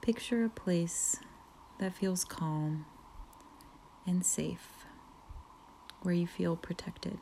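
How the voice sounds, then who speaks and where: A woman leading a guided relaxation meditation, speaking softly with frequent whispered phrases and long pauses. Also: lowish voice, gravelly, a little hiss or hum. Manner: slow, soft, partly whispered, soothing pauses.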